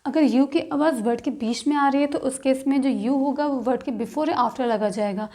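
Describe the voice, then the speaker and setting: High-voiced woman teaching shorthand slowly. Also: dark tone. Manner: slow, patient, spells out sounds one by one. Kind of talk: step-by-step instructional lesson.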